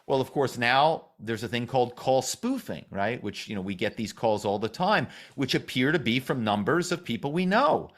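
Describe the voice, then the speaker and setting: Animated middle-aged man telling stories. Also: medium pitch, moderate pace, hardly any pauses. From Philadelphia. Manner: animated storyteller, acts out quoted voices. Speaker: podcast guest, author and former corporate spy. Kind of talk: storytelling interview.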